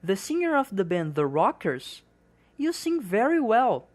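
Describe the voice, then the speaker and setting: A woman reading the part of an excited fan meeting a rock star, in slow, carefully pronounced English. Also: medium pitch.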